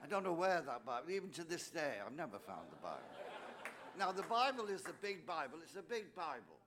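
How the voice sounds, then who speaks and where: A man's voice: a little high, wildly swooping pitch, a little fast, background noise. An older man with an English accent, a priest giving a personal testimony speech at a recovery meeting, anecdotal and dropping joking asides to the audience. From England. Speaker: priest sharing his story at a recovery meeting.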